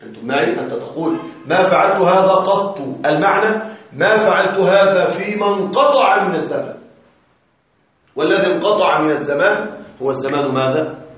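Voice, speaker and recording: A man's voice: high voice, brisk, fairly bright tone. A man teaching Arabic grammar in a classroom, explaining step by step and often checking that his students are following. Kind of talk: classroom lecture. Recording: echoey, distant, slightly muffled classroom recording.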